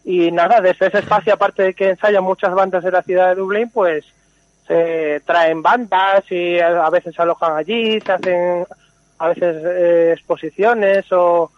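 A high-pitched man heard over the phone as a caller to a live radio show. He talks in an easygoing, halting way with plenty of fillers. The line sounds dull and muffled. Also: steady tone. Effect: over the phone, live call into a radio show. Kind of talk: casual chat.

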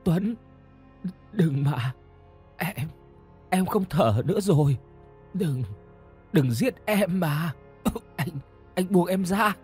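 A man voicing a terrified young woman who pleads and stammers in a high put-on voice. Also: lively intonation, very slow, long pauses, a little mellow, slightly rough, soft background music, heavily acted. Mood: choking. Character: terrified young woman begging for her life.

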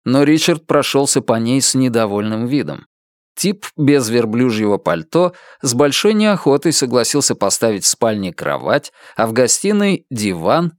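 A man reading an audiobook in measured, expressive narration. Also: medium pitch, no echo, studio quality.

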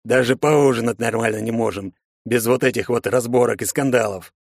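A man doing a stern older patriarch in a storybook reading, who speaks in a harsh, commanding way. The voice is pitched a little higher than the reader's own and is fairly loud, recorded dry and close. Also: a little fast, vocal fry, dry recording. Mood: weary. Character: stern older father, head of a noble family. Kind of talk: audiobook character voice.

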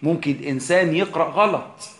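A sheikh with an Egyptian Arabic accent teaches a religious lesson on Quran exegesis, in a fast, fairly high voice with a roomy sound. He explains patiently, poses rhetorical questions, and mixes formal and colloquial Arabic.

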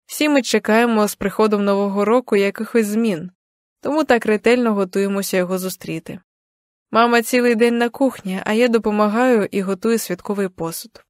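A young adult woman narrating an audiobook in the first person, with even, gentle storytelling. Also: mid-range voice, brisk, no room sound, clean studio sound.

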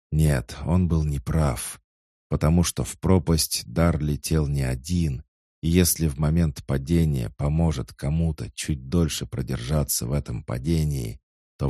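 A man reading a dark action story aloud as dramatic narration, slow and intense, rising to shouts for the characters' lines. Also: extremely low pitch, breathy edge, dry recording, studio quality.

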